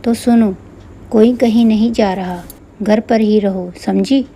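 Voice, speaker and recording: A woman's voice: mid-range voice, fairly even intonation, slow pace, dark tone, slight background noise. A woman doing a harsh scolding mother-in-law. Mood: sneering. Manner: scolding, bossy.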